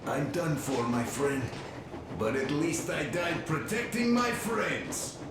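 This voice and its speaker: A man's voice: a little high, lively intonation, slow, music in the background. A man playing a joking young Russian soldier in a video game, delivering a melodramatic mock death speech with a Russian accent. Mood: mock-tragic. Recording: very echoey, noisy game audio.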